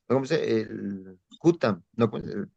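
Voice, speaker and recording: A man's voice: lowish voice, expressive, measured pace, creaky, a little mellow, no room sound, muffled recording. A male student in a class, answering hesitantly and thinking aloud.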